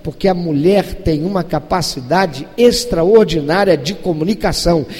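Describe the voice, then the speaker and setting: A man in his fifties preaching a sermon, who swings between loud exhortation and hushed asides. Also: a little high, normal speed. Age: 50s. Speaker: pastor. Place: church hall. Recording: reverberant church hall.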